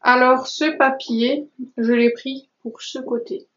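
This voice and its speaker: A woman's voice: sits high, little pitch movement, takes it slowly, a bit bright, muffled recording. A woman vlogger chatting casually through a craft haul, enthusiastic and gushing, with many hesitations and little asides. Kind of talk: casual chatty vlog talk.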